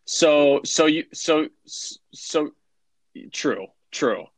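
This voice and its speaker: A man's voice: fairly high pitch, animated, very slow, dry recording. Teasing, skeptical male co-host, dry studio sound. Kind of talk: casual chat.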